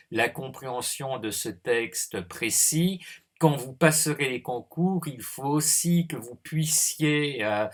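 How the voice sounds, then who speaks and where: A male philosophy teacher talks at a slow, unhurried pace through a recorded lecture. He hesitates often and thinks aloud, and his pitch sits in an ordinary middle range.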